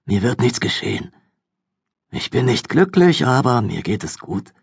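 Audiobook: male narrator playing a reassuring captive younger sister, soft and husky. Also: medium pitch, very animated, measured pace, dry recording, studio quality, full character voice.

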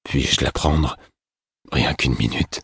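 Burick, a man voicing a hoarse, grieving older man. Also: a bit bright, dry recording, full character voice. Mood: weary, grieving. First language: French. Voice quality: hoarse, heavy-hearted. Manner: slow, low, murmured. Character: weary grieving older man, gruff stable master.

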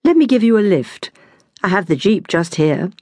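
A woman's voice: medium pitch, very animated, normal speed, a little mellow, no echo, studio quality. A woman reading the part of a polite, eager young British army officer in an audiobook, her own voice barely changed. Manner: courteous, formal.

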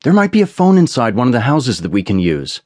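A male narrator voicing an upbeat, insistent young man in an audiobook, his pitch raised above his own. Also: wildly swooping pitch, a little fast, a little mellow, no echo, clean studio sound. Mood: eager. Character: eager, reckless young man.

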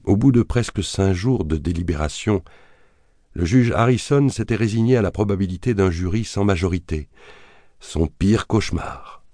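A man narrating a thriller audiobook in a measured, dramatic reading that colors the quoted lines. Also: low voice, warm tone, dry recording, clean studio sound. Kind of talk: scripted narration of a thriller novel.

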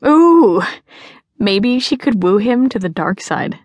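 A woman's voice: on the high side, very animated, slow, darkish tone, no echo, pitched above the performer's own voice, exaggerated voice. A woman voicing a wry, playful teenage girl photographer who teases her friends. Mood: teasing. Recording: dry studio.

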